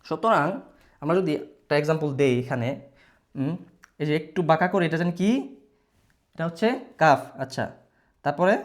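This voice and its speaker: A man teaching an online reading lesson, patiently spelling out syllables and repeating them, with English words mixed in. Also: fairly high pitch. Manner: patient, repeats syllables slowly for students to follow; mixes English words into his talk.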